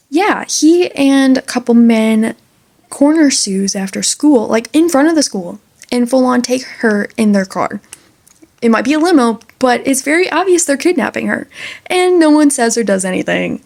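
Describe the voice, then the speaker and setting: A woman's voice: on the high side, creaky, darkish tone. A woman talking through a book in a casual review vlog, chatty and enthusiastic with lots of fillers.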